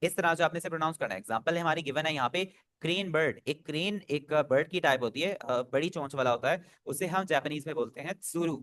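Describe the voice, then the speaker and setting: A man's voice: on the high side, fast, few pauses, a bit bright, dry recording. A man teaching an online Japanese class, patiently drilling pronunciation over a video call.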